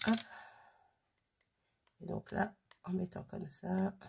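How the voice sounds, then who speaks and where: A woman's voice: fairly low pitch, fairly even intonation, slow, vocal fry, darkish tone, husky. A woman chatting casually through a hands-on craft demo, full of fillers and little "hop" sounds as she works. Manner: chatty, filler-heavy, frequent "hop" while working. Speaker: crafting vlogger.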